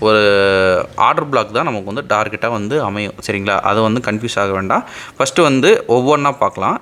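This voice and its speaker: Fairly low in pitch with a slightly bright tone, this man has an Indian Tamil accent. As a trading instructor in an informal screen-share tutorial, he breaks things down step by step and regularly asks short tag questions to confirm people are following.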